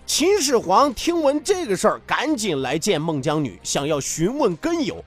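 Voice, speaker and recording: A man's voice: sits high, sing-song, moderate pace, soft background music. A man hosting a radio show, telling a folk tale for laughs, chuckling and asking tag questions as he goes. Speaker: radio host. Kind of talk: comic folk-tale storytelling.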